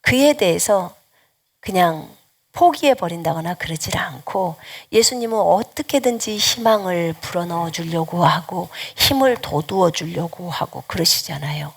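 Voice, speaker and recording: A middle-aged woman missionary preaches a sermon with a gravelly, slightly rough voice. She tells a personal testimony in a lively way, acting out the conversations and laughing now and then. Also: on the low side, moderate pace. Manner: animated storytelling, acting out dialogue with laughter.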